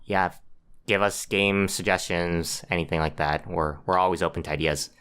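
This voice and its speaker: Podcast co-host, male, lowish nasal voice, laid-back, hesitant with lots of fillers. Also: moderate pace, clear, resonant tone. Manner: relaxed, hesitant with many fillers. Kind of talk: casual podcast chat.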